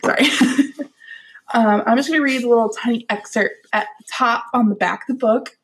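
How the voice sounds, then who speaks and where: A woman's voice: fairly high pitch, normal speed. A young woman chatting casually about books at home at night, giggly, rambling and poking fun at herself. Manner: giggly, rambling, self-deprecating. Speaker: book reviewer. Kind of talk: casual chat.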